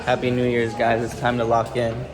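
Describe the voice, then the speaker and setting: A man's voice: medium pitch, monotone, normal speed, low-quality recording. A man talking casually to camera as a vlogger, addressing his viewers in a motivational, informal way. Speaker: vlogger and day trader. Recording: loud music over the voice. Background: loud music.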